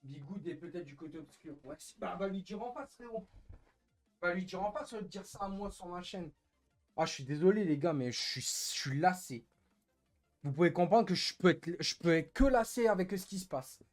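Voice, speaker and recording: A young man ranting on a live stream, bitter and frustrated, cursing often, repeating himself and swinging between loud outbursts and low muttering. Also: animated, a little fast, faint music behind. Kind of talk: casual live-stream rant.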